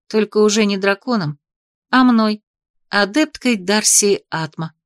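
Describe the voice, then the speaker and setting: Lively woman narrating a fantasy audiobook. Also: mid-range voice, no echo, studio quality.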